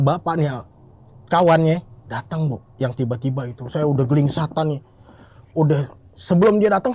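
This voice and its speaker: A man telling a story casually, his voice jumping high as he relives the pain. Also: a little mellow. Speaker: interviewee telling a ghost story.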